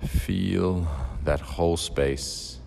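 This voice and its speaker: A man leading a guided meditation in a slow, soft and soothing way. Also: low voice, fairly even intonation, creaky, a little hiss or hum. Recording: faint music behind.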